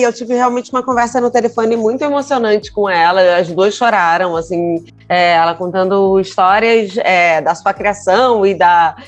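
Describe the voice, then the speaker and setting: A Brazilian woman hosting an interview, attentively recapping what her guest's family told her. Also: mid-range voice. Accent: Brazilian Portuguese. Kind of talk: interview questions.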